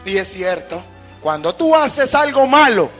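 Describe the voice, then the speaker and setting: A middle-aged Honduran man preaching an evangelical sermon to young people, swinging between fervent shouts and hushed storytelling. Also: very high-pitched, very animated, unhurried, faint music behind. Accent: Honduran Spanish.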